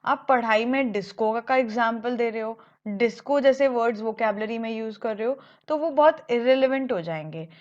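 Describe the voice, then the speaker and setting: Higher-voiced woman coaching exam speaking. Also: a little mellow, dull audio. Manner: explanatory, measured, slows down to stress points. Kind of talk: Hindi-English mixed lesson.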